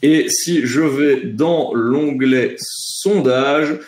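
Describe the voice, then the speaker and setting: Slow-talking man moderating a webinar. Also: medium pitch, darkish tone, reverberant. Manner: unhurried, drawn-out fillers.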